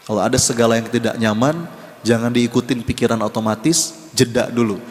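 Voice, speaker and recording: A male preacher giving an animated sermon, stressing key words and addressing his listeners directly. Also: mid-range voice, a little fast, long reverb tail.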